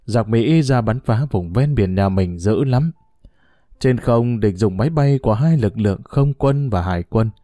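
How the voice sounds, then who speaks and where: Man voicing a gruff old fisherman grandpa. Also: fairly low pitch, warm tone, dry recording, studio quality, lightly acted. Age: older. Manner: gruff, rambling storyteller who sips liquor.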